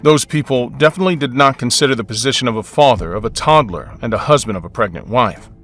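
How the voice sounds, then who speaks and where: A man's voice: mid-range voice, fast, fairly bright tone, faint music behind. A young man narrating a first-person story as a harried father, with a wry, exasperated, joking manner.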